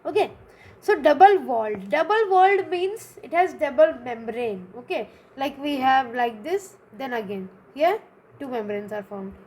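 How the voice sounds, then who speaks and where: High-voiced woman teaching a biology lesson. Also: animated, a little slow, darkish tone. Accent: Indian English. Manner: explains step by step, repeats key terms, checks in with "okay?".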